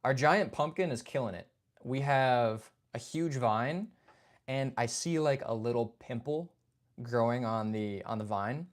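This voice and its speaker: This is a young man running a casual livestream, his mid-range voice unhurried. Chatty and laid-back, he reads comments from viewers, welcomes them by name and can't stop saying "dude" and "man."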